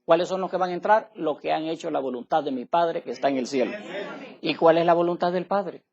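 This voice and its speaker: A man preaching an emphatic sermon, his voice gravelly with a rough fry. The recording sounds dull and lo-fi, as if taped in a church. He keeps checking with his listeners that they follow. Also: fairly high pitch, brisk, darkish tone. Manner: emphatic, asks listeners "¿me entiende, hermano?". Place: church tabernacle.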